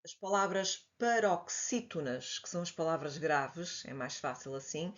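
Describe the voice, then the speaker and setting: A woman with a European Portuguese accent, teaching a grammar lesson and patiently explaining, spelling examples out slowly. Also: deep voice, lively intonation. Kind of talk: slide-based grammar lesson. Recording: dull lo-fi audio.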